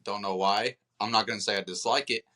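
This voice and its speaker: Young male co-host, bright forceful tone, animated casual storyteller on a call. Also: lowish voice, a little fast. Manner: animated storytelling, mimics people he quotes. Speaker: podcast co-host. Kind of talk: casual chat. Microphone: video call.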